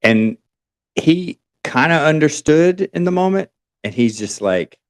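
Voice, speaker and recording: A man co-hosting a podcast, retelling a story in an animated way with acted-out quotes. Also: a little high, unhurried. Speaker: podcast co-host.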